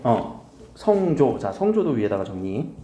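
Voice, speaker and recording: A man teaching grammar in a casual recorded lecture, often quizzing his students with quick questions. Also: mid-range voice, very animated, warm tone. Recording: echoey room.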